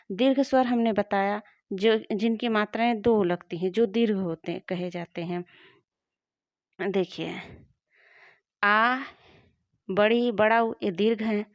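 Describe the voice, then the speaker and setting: A woman teacher walks through a grammar lesson at a steady, patient pace, repeating every point so students can follow. She is recorded up close in a dry room, and the sound is dull and slightly muffled. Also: medium pitch, dry recording.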